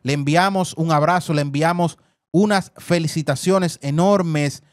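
A man's voice: on the high side, a little slow, dry recording, studio quality. Effusive man hosting celebrity news. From Dominican Republic. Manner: effusive, repeats words, calls viewers "family". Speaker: entertainment news host. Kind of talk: celebrity news commentary over clips.

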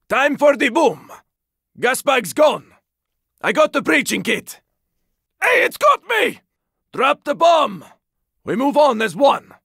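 A gruff, battle-worn, protective male survivor from a zombie shooter game barks terse, intense combat callouts, often strained or shouted, in an urgent and alarmed mood. His gravelly, raspy voice is pitched very high for a man and swings widely. It's a full character voice in a close, dry recording.

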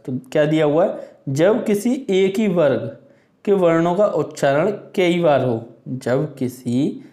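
A man teaching an exam-prep Hindi grammar lesson, explaining patiently and reading examples aloud slowly. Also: on the high side, warm tone, reverberant. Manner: explains slowly, addresses viewers as friends, reads examples aloud.

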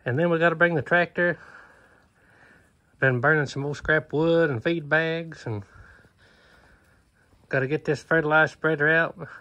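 A man's voice: on the high side, steady tone, a little slow, long pauses, pushed and bright, lo-fi sound. Easygoing man in a barn. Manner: easygoing, plainspoken, many "uh" fillers. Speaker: homesteader vlogger. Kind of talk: casual walkthrough narration. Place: open wooden barn, outdoors. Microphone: phone camera held at arm's length.

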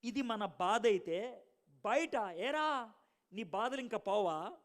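A man preaching a sermon to a congregation, telling stories and swinging from loud bursts to hushed asides. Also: high-pitched, expressive, slow pace.

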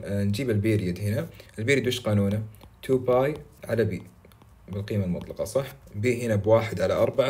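A young man tutoring math, walking step by step through exam questions, often checking in with "right?" and reading English questions slowly. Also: on the low side, a little mellow. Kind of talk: exam walkthrough lesson.

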